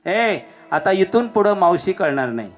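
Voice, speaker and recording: A man preaching a devotional kirtan sermon, telling a story with animated delivery that swings between loud calls and hushed lines. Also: sits high, normal speed, over music. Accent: Marathi. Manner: animated, shifts between shouting and hushed lines, acts out characters.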